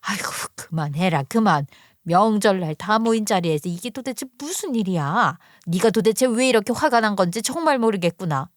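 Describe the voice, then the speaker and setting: A woman's voice: mid-range voice, lively intonation, normal speed, dry recording, clean studio sound, lightly acted. A woman voicing a defensive older mother who scolds her daughter with exasperated sighs. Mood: scolding, defensive.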